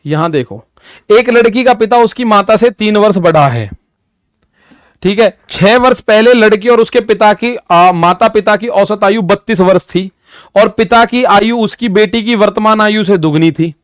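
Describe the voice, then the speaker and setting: A young man in his twenties teaches a maths lesson for exam preparation, repeating points and using everyday examples as he speaks straight to his students, addressing them with "ठीक है" and "भाई". His voice is high and at normal speed, recorded clean in a studio with a dry sound.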